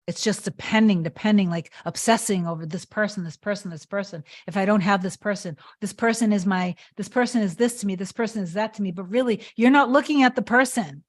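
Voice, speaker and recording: A manifestation coach on a live stream answers chat comments earnestly and emphatically, often repeating herself. Her mid-range voice moves fairly quickly with few pauses.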